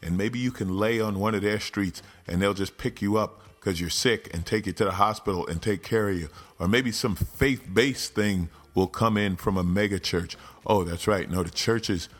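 A man hosting a political talk show, ranting with sarcasm and exasperation, his voice jumping up in loud outbursts. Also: on the low side, moderate pace, few pauses. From United States.

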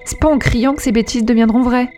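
A woman's voice: a little high, little pitch movement, a little slow, soft background music, pitched above the performer's own voice, lightly acted. A woman voicing an angry, dismissive girl dressed as a princess in a told story. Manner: sharp, dismissive.

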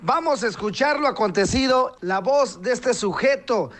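A man on a radio show briskly recapping a news story with an indignant tone. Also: very high-pitched, expressive, a bit bright.

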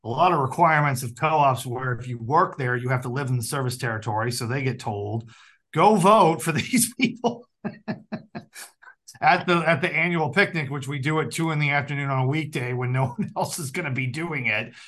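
A man with an Ozark accent talking casually as an interviewer, in a halting, self-interrupting way. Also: mid-range voice, fairly bright tone. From Southwest Missouri Ozarks, USA.

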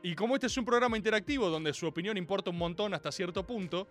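A man's voice: high voice, fast talker, soft background music. A man with a Rioplatense accent hosting a radio talk show, ranting in a theatrical, mock-indignant and sarcastic way. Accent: Rioplatense Spanish. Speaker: radio host.

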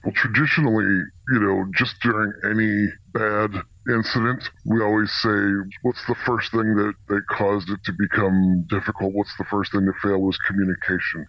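A man working as a corrections officer answers radio interview questions in a plain-spoken, halting way, his voice disguised to sound deeper. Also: dry recording, highs cut off. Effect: voice disguised to protect anonymity, deepened. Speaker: corrections officer, senior officer specialist.

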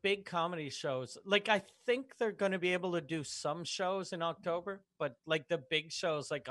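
A man co-hosting a comedy podcast, rambling loosely with fillers and restarts. His voice is bright and slightly high, recorded dry and close. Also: no echo. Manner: rambling with many likes and restarts. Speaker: podcast co-host. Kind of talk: casual comedy podcast banter.

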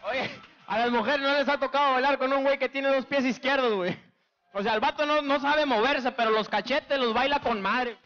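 A man with a northern Mexican accent doing a crude stand-up comedy monologue, heavy on slang, who acts out women's lines in a higher squeal. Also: brisk, pushed and bright, highs cut off, faint music behind. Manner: crude slangy storytelling, constant filler tag.

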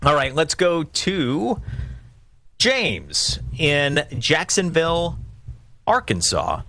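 A man's voice: fairly high pitch, huge pitch swings, extremely slow, gravelly, sharp tone. An American man hosting talk radio, giving emphatic political commentary in stop-and-start phrases, repeating himself for stress. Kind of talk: political commentary on a call-in show. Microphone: close studio broadcast mic.

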